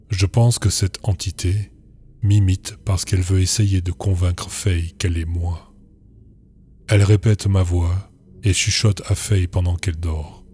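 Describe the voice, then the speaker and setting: A man reading a first-person horror story in a calm, measured, somber way. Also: low voice, slightly rough. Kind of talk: scripted horror narration.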